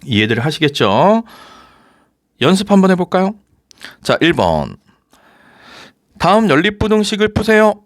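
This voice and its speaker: A male math teacher explaining step by step in a strongly animated voice that rises and falls a lot. His voice sits fairly high for a man and sounds close and dry. He keeps checking in with the students through rhetorical questions. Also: moderate pace, long pauses, no echo. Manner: lively, coaxing, asks rhetorical questions. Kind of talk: recorded math lecture.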